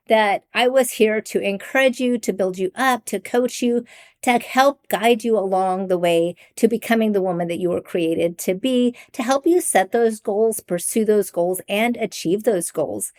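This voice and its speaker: Middle-aged woman, sincere solo podcast talk, ums and little laughs, mid-pitched voice. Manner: earnest, with frequent ums and soft laughs; mimics raised greeting voices. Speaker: podcast host and life coach.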